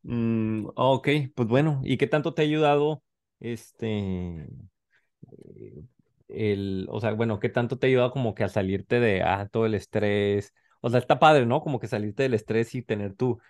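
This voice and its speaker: A man's voice: on the low side, normal speed, darkish tone. Casual, slangy Mexican man hosting. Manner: colloquial, slangy, rambling with many filler words. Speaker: podcast host. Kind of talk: casual chat.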